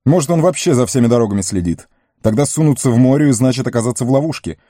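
A man voicing a hot-headed, proud male warrior who talks in quick, agitated outbursts. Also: fairly low pitch, warm tone, no echo, studio quality, voice pushed up, lightly acted.

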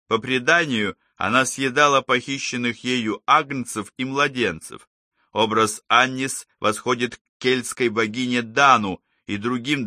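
A male narrator reads a novel in a measured, even way. His voice sits low but has a bright, forceful edge. The recording is close and dry, with no room sound. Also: no room sound. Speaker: audiobook narrator. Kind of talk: scripted narration.

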